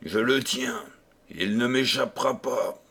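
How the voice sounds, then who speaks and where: A man's voice: mid-range voice, slow pace, bright, forceful tone, husky, exaggerated voice. A man reading a fairy tale, voicing a sinister scheming male courtier with a mysterious, clipped manner.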